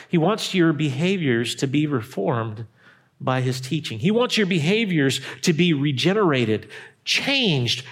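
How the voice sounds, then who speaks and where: A male pastor preaching a sermon, repeating key phrases and dropping to a hush at times. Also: fairly high pitch.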